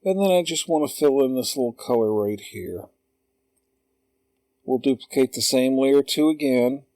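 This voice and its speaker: A man calmly talking through a drawing tutorial step by step, in an unhurried voice-over. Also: medium pitch, dry recording. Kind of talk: slow screen-recorded tutorial.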